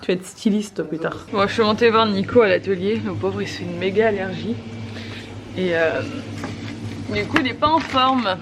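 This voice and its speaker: A woman chats casually in the manner of a home vlogger. Her pitch is average for a woman, and clear noise sits behind her voice. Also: moderate pace. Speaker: vlogger and mother. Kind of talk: casual vlog chat.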